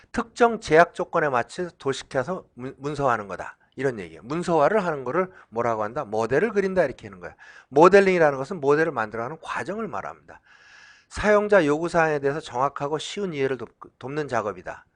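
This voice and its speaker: A middle-aged man lecturing as a professor, asking questions and answering them himself. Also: fairly high pitch. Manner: drawing on the slide while talking; lively, acts out shouts in a loud voice. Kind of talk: recorded lecture.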